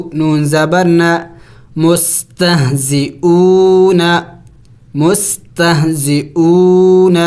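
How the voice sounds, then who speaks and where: A Quran teacher giving a step-by-step tajweed lesson, spelling each syllable slowly and explaining the rules in quick asides. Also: medium pitch. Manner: chants the verses in long, drawn-out recitation.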